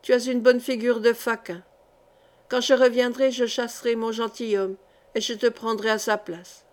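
A woman's voice: a little high, little pitch movement, normal speed, close to an everyday voice. A woman reading the part of a boastful, greedy young man getting drunk at a feast. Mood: tipsy swagger.

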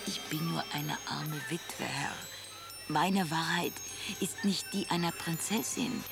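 Slow-talking widow lady, gossipy and timid, music under it. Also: deep voice, creaky, heavily acted. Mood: confiding. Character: poor old widow, gossipy and fearful. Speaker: townswoman in radio drama.

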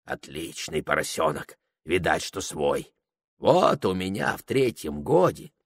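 A fawning, overfed village elder, as a man puts him on, asking politely in a measured voice. Close, dry sound. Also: low-pitched, sing-song, slightly rough, no room sound, voice pushed down, heavily acted. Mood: ingratiating.

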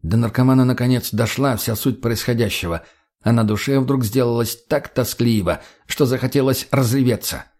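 A man narrating an audiobook in a steady, plain storytelling manner. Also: mid-range voice, moderate pace.

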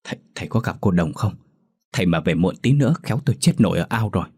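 A man's voice: deep voice, animated, quick pace, darkish tone, husky, exaggerated voice. A man voicing a frightened old grandfather in a ghost story, stammering and pleading in a trembling voice. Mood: terrified.

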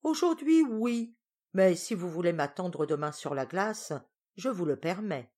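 A woman reading aloud voices a playful young girl in love, bright and teasing in her speech. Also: fairly low pitch, animated, measured pace. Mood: lively. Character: eager young Dutch maiden, playful.

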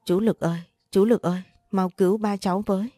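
A woman's voice: medium pitch, fairly even intonation, brisk, dark tone, no room sound, studio quality, faint music behind, lightly acted. A woman voicing a frightened thirteen-year-old girl who pleads through sobs. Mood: panicked. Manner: sobbing pleas.

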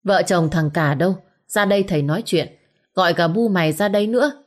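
A woman's voice: fairly low pitch, a little fast, close to an everyday voice. Woman doing a curt, domineering old patriarch. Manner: curt, mocking. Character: cold, domineering old father of a rich house.

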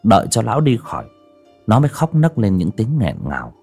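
Deep-voiced man narrating a horror story. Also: huge pitch swings, gravelly, a little mellow, breathy edge, soft background music. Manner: slow, suspenseful storytelling.

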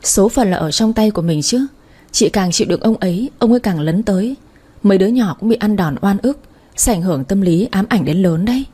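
A woman's voice: medium pitch, animated, fairly quick, mellow, breathy edge. A woman voicing a fierce, outspoken young woman who scolds and protects her family, speaking sharply. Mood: firm caring.

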